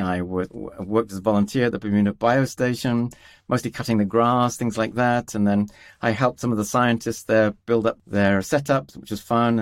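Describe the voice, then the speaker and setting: In this conversational podcast interview, an East African scientist talks about his career in a meandering, self-mocking way, dropping plenty of fillers. He speaks on the low side, with a clear, resonant tone. The recording is dry and has clean studio sound.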